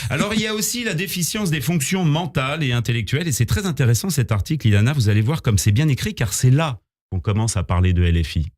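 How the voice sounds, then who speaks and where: A man reading a scripted comic column on the radio in a small studio, with wry, deadpan asides. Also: medium pitch, quick pace. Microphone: studio microphone.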